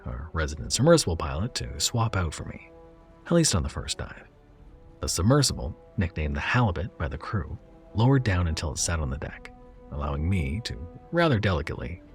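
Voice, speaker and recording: A man with a low voice reads a first-person horror story slowly and in a hushed tone, sometimes dropping to a whisper.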